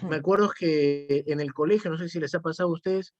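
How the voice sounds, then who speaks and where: A man's voice: fairly high pitch, fairly even intonation, brisk, a little mellow, highs cut off. A man, a psychotherapist chatting reflectively and often tagging his sentences with "¿no?". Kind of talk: casual conversation.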